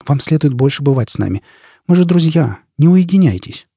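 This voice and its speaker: A man's voice: a little high, expressive, brisk, mellow, breathy edge, no room sound, clean studio sound, pitched above the performer's own voice. A man voicing a lonely, anxious young woman teacher who talks in a fretful, pleading way.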